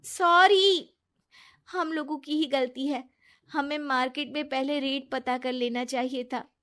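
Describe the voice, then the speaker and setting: A woman's voice: high voice, fairly even intonation, unhurried, a bit bright. A woman voicing a trusting, kind young married woman who talks earnestly, in a storybook drama.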